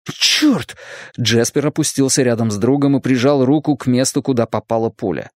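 Male audiobook narrator: steady, measured, dry booth sound. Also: medium pitch, dry recording. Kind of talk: scripted narration.

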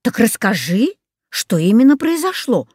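A woman's voice: a little high, very animated, a little slow, darkish tone, slightly rough, no echo, clean studio sound, exaggerated voice. A woman reading the lines of a stern, scolding father in a storybook. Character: stern strict father, middle-aged man.

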